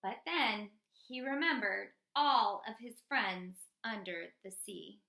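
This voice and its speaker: A woman reading a children's picture book aloud in an expressive, dramatic storytelling manner, drawing out key words. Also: medium pitch, slow, creaky, roomy sound.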